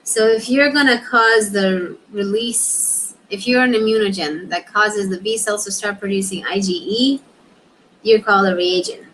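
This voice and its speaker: A young woman works through practice questions out loud. She reads each explanation in a plain, mid-pitched voice, then drops into quick muttered asides to herself. A faint hiss sits under the recording. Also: low-quality recording. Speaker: student reviewing exam questions. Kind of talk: thinking aloud while studying.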